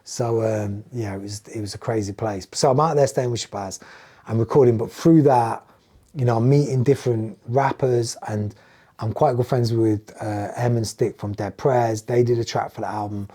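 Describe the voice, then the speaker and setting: Medium-pitched and slightly rough, the voice of this middle-aged man from England moves at normal speed. He's a music producer with an English accent guesting on a casual podcast, acting out quoted lines as he tells his stories with animation.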